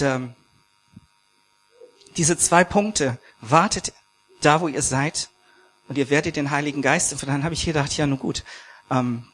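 Male preacher, earnest sermon delivery, thinks aloud with fillers, somewhat high voice. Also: fairly bright tone. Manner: earnest, searching, with fillers and restarts.

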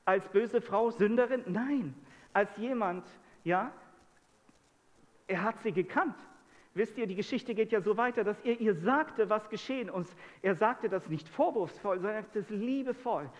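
Brief: high male preacher, sermon to a congregation, full of rhetorical questions, long church-hall reverb. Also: measured pace.

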